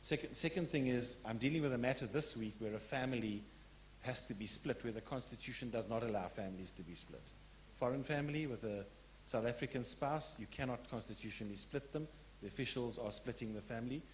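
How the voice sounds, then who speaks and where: A man in the audience of a public lecture, making an earnest, frank statement and putting a question with some halting restarts. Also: mid-range voice, a little hiss or hum. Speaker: audience member asking a question.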